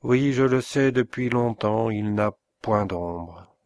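A man reading the part of a distraught young woman from a storybook, anguished and fearful. The voice stays low and slow, on a dry close recording. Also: a little mellow, no echo. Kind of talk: audiobook character reading.

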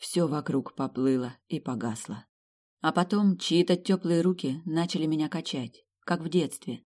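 A woman's voice: sits low, normal speed, darkish tone. A woman narrating a dramatic first-person audiobook story.

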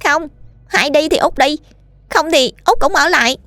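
A woman voicing a frightened young child who insists stubbornly, in a shrill tone. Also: unhurried, pushed and bright, dry recording, soft background music.

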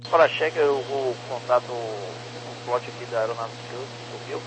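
A man's voice: medium pitch, normal speed, fairly bright tone. A Brazilian man working as an air traffic controller, giving clipped procedural instructions over a crackly radio. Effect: crackly radio transmission. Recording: crackly, noisy aviation radio.

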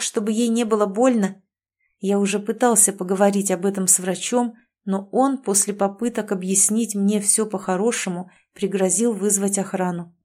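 A woman's voice: medium pitch, warm tone. Woman narrating an anxious first-person story. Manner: anxious, wry inner monologue. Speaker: audiobook narrator.

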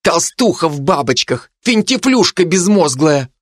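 A man's voice: fairly high pitch, big pitch swings, a little slow, no room sound, clean studio sound, voice pushed up. A man voicing a spiteful, hot-tempered young man who mocks others, in an audiobook. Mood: angry.

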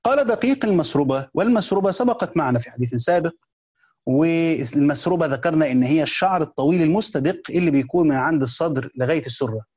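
A man with an Egyptian accent teaches in a quick, somewhat husky voice, pitched a little high for a man. He walks through a classical text in casual spoken Arabic, repeating key phrases and restarting words as he explains. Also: animated, a little mellow. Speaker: teacher of a hadith book. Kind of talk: colloquial lesson commentary.

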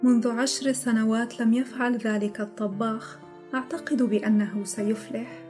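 A woman voicing an older female nurse, a devoted family servant, in an audiobook, speaking slowly, softly and carefully. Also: on the high side, fairly even intonation, over music, close to an everyday voice. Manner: slow, soft, careful.

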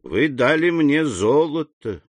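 A man's voice: a little high, sing-song, takes it slowly, no echo, voice pushed up, exaggerated voice. A man voicing a humble middle-aged prison gatekeeper, deferential and eager in an audiobook reading. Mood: wondering.

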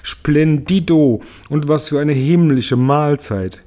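A man voicing a fat, greedy, excitable aunt who squeals and gushes, for an audiobook. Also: fairly low pitch, a little fast, breathy edge, exaggerated voice. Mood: greedy gushing. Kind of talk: audiobook character voice.

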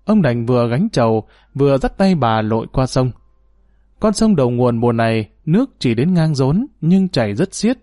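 Male storyteller and host, measured and formal, mid-range voice, dry recording. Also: mid-range voice, a little mellow, no echo. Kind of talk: scripted story narration.

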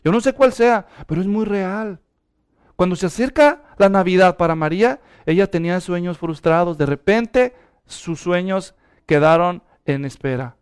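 A man preaches a lively sermon in a high-pitched voice. His tone is smooth and clear, and he keeps urging his listeners to turn to one another and speak. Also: moderate pace. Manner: animated, urges the congregation to respond aloud. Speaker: pastor.

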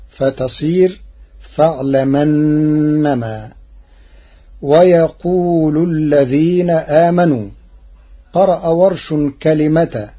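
A man with a husky, raspy voice explains points of Quran reading in a formal radio lesson. He speaks slowly and deliberately, drawing out the words he quotes, in a fairly high register. The sound is dull and lo-fi, like an old radio broadcast.

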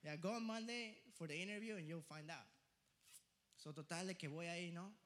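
Young man, preacher, high bright voice, lively storytelling, laughs often, mixes in English. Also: normal speed. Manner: animated, laughing, switches into English phrases. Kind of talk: storytelling sermon.

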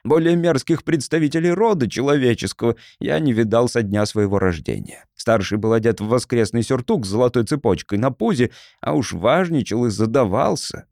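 A man reads an audiobook as a first-person folksy tale, with an easy, storytelling manner. His intonation rises and falls animatedly at a middle pitch. The recording is dry and close-miked. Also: animated, a little fast, gravelly, hardly any pauses, a little mellow, dry recording. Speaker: audiobook narrator.

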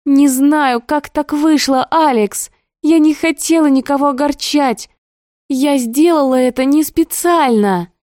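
A desperate young heroine , acted by a woman reader cries out in a high, tearful, piercing voice. The tone stays mellow and the recording dry and close. She is the storybook's distraught lead. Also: measured pace, dry recording. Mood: pleading tearful. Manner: high, pleading, tearful shouting. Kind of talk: audiobook dialogue.

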